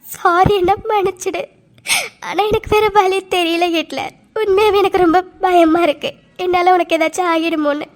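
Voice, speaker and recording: Woman voicing a distraught young cartoon heroine, very high-pitched, tearful delivery. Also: steady tone, a little fast, long pauses, a little mellow. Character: Mithu, heartbroken young woman. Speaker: cartoon character. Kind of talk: Tamil cartoon voice acting.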